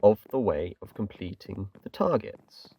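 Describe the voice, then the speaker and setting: A fairly low, creaky-voiced man from England talks through his game in an animated, unhurried manner. The sound is lo-fi, the mic distant, with slight background noise. As a gaming channel host he's chatty and rambling, mocks himself, and says "kinda" a lot.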